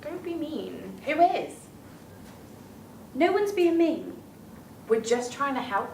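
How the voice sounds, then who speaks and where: A woman's voice: sits high, big pitch swings, slow pace, vocal fry, a little mellow, a little hiss or hum, voice pushed up, heavily acted. A woman acting a pushy, blunt teenage girl doing a friend's makeup, heard from a far camera in an echoey room. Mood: bossy.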